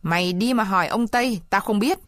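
A woman's voice: medium pitch, brisk, fairly bright tone, no echo, lightly acted. A harsh, scornful village chief, read by a woman narrator who snaps orders and threats. He bullies the poor without pity. The voice sits close and dry. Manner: snapping, threatening. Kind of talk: storybook reading.

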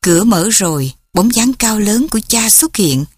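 A woman narrating a story in a soft, measured and dramatic reading. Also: mid-range voice, animated.

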